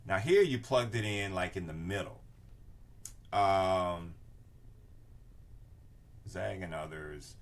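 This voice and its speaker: Older guy teacher w low voice, walking thru a screen tutorial, casual explaining. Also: lively intonation, slow pace, long pauses. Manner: explanatory, often checking with "okay?" and "right?". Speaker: research class instructor. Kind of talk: informal screen-share tutorial. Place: indoor room with bookshelves, video inset.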